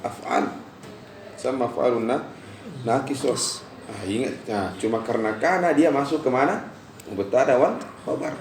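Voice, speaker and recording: Male teacher, classroom lesson, asks "clear?" often, distant mic, echoey room, light background noise. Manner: digressive storyteller, drops his voice low, frequent checks "jelas?". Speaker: Arabic grammar teacher. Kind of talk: classroom lesson on Arabic grammar. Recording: roomy class recording from far off with faint noise.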